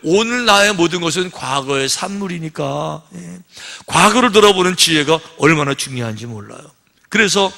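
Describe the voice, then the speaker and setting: Male pastor, sermon, bright tense voice, lively storytelling delivery, long church-hall reverb. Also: high voice. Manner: conversational preaching, rhetorical questions, acts out children's voices. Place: church sanctuary.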